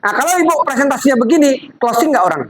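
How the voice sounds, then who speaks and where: Her voice sits high and her delivery is rapid-fire, with lively intonation. An MLM product presenter, she demos live for a group and coaxes volunteers along in a chatty way, over poor audio backed by audience crowd noise.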